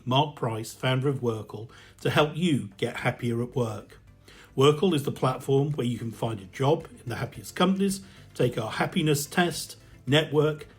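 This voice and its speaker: Husky British podcast host. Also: male voice, mid-range voice, a little mellow. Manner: measured, hesitant with fillers. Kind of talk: podcast interview.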